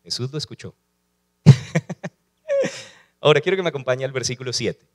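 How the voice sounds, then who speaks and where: A man's voice: mid-range voice, expressive, measured pace, darkish tone. A male pastor preaching a sermon, asking rhetorical questions and calling on the congregation to repeat after him.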